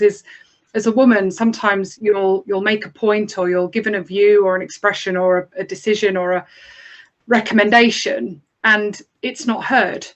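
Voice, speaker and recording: A woman speaking on a panel discussion, earnest and animated, building on other points. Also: mid-range voice, low-quality recording.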